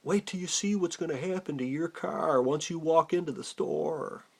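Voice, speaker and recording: A man playing an angry rural middle-aged man who jeers and shouts insults across a parking lot. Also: fairly high pitch, quick pace, natural voice. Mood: threatening.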